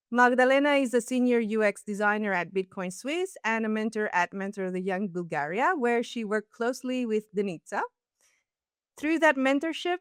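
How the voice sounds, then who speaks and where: A woman's voice: medium pitch, a bit bright, clean tone, no echo, clean studio sound. A woman hosting a webinar, reading a polished scripted introduction. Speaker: webinar host.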